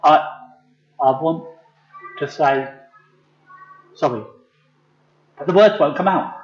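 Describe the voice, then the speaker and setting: A man voicing Peter, a glum, easily discouraged grown fisherman, in a drawn-out, sulky storytelling delivery. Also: on the high side, muffled recording, pitched below the performer's own voice. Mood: sorry.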